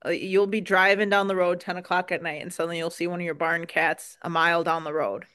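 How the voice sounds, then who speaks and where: A woman's voice: fairly low pitch, little pitch movement, fast, a bit bright, clear, resonant tone. A woman with a Wisconsin accent, a dairy farmer answering interview questions in an earnest, folksy way with frequent "um"s.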